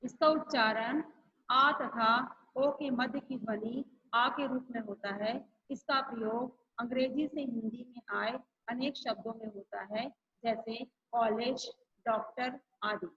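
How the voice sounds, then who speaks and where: Woman teacher going over grammar real slow, lo-fi muffled sound. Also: fairly high pitch, breathy edge. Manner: slow, repeats each point and example for pupils. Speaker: school teacher. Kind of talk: online grammar lesson.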